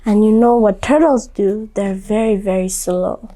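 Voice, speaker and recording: A volunteer children's book reader, a woman, reads a picture book aloud to young children, explaining things simply and asking her listeners questions. Her mid-range voice is mellow, a little slow, and fairly even in intonation, and her phrasing stays simple and instructive.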